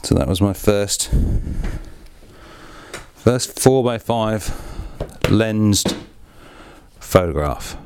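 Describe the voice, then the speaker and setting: A man's voice: fairly low pitch, expressive, extremely slow, long pauses, darkish tone, slight background noise. A man hosting a podcast, rambling in a chatty, self-deprecating way with casual swearing as he talks through hands-on work in a small echoey darkroom. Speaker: podcast host.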